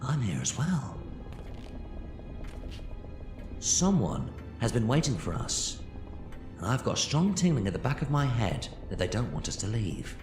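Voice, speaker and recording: A man's voice: mid-range voice, sing-song, normal speed, natural voice. A man acts out an eccentric, theatrical adventurer in an audio drama. His voice swoops wildly between grave protectiveness and playful glee, set in a roomy echo with music underneath. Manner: theatrical, swinging from grave to gleeful.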